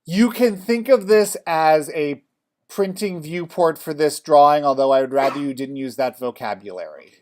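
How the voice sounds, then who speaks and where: A male college theater design instructor teaching software in a casual classroom style, often checking in with the class. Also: fairly high pitch, moderate pace. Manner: chatty, checks in with "okay?" often.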